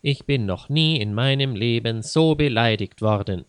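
A man's voice: mid-range voice, normal speed, clean tone, dry recording, close to an everyday voice. A man voicing a timid, easily offended young man in a read-aloud story. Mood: indignant. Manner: fearful, indignant.

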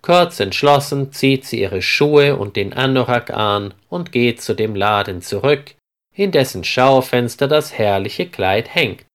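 A man reading a story aloud as narrator, in a clear, deliberate scripted style. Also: medium pitch, lively intonation.

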